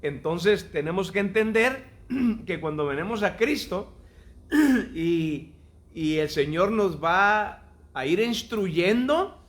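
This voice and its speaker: Hombre titubeante de voz aguda. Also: male voice, sits high, lively intonation. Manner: halting, repeats words as he searches for them. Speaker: participant in a Bible lesson. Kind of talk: Bible study discussion.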